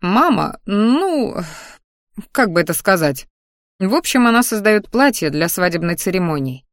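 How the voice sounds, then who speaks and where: A woman's voice: fairly low pitch, animated, fairly quick, no room sound, clean studio sound, lightly acted. A woman reading the part of a nervous, earnest young man who is courting the heroine in a storybook. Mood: hesitant.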